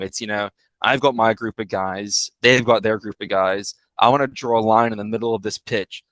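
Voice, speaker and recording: Low-voiced young man telling his story. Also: a bit bright, dry recording, poor audio. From Hong Kong. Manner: expansive, talks at length with self-corrections. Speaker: guest, rugby player. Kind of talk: casual podcast chat.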